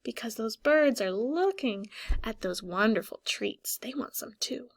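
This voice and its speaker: A woman in teacher mode reads a picture book to young listeners with a fairly high, expressive voice. She draws out key words and asks questions, pausing to let the children think, and her delivery is clearly instructive.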